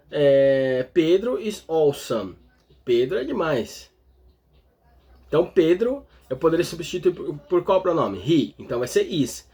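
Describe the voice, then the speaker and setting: A man's voice: on the high side, a little mellow, slightly rough. A man from Brazil with a Brazilian Portuguese accent, teaching an English grammar lesson step by step and often checking in with the viewer. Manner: explains step by step, constantly checking in with the listener. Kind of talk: explanatory online lesson.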